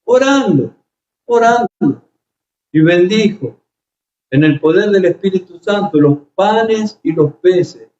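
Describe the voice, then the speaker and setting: A man preaches a sermon, his voice sitting high for a man. He tells his stories with emotion and stops often with hesitations. The recording is echoey and a little dull, like a church hall with a faint hiss behind. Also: a little slow, mellow. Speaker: pastor.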